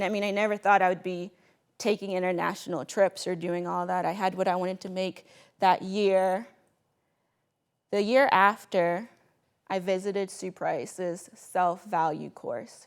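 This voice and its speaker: A young woman from the Bahamas tells a story from her own life with a lot of energy. She laughs often and plays out the lines of people in her story. Her voice sits at a middle pitch. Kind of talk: personal storytelling.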